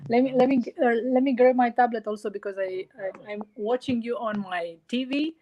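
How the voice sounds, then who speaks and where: A woman's voice: fairly high pitch, fairly quick, muffled recording. A Romanian woman in her forties, a guest artist, chatting hesitantly on a video call from her phone, searching for English words. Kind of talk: casual video-call chat.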